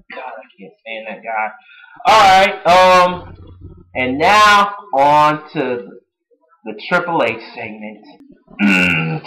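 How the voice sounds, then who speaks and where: A fan vlogger recapping a wrestling episode in a casual, gushing way, full of fan slang. Their pitch is lively and swings widely. Now and then they break into a bit of song or a quick impression. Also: rough recording. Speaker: wrestling show reviewer.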